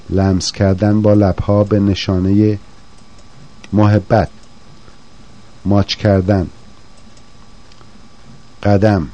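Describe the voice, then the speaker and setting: A man teaching vocabulary in a slow drill, saying each word twice and then giving its meaning. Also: low voice, warm tone. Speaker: language teacher.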